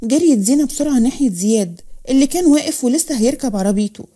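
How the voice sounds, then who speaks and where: A woman with an Egyptian accent narrating a dramatic story in a brisk reading. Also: high-pitched, lively intonation, dark tone.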